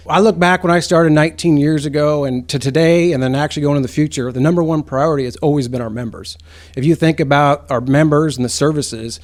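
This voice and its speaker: An American man, an association executive, giving interview answers. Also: a little high.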